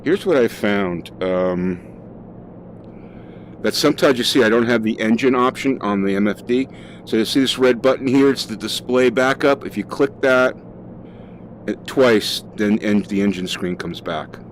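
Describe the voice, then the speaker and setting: A man's voice: fairly low pitch, normal speed, a little hiss or hum. A man casually talking through a flight simulator session, thinking aloud with fillers as he flies. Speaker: flight sim streamer. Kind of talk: casual gameplay commentary.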